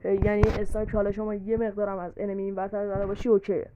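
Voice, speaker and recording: A woman's voice: medium pitch, completely flat delivery, noisy background. Chatty woman explaining a game, dull audio. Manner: chatty, explains with examples and frequent fillers. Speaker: gaming YouTuber. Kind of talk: casual game guide voice-over.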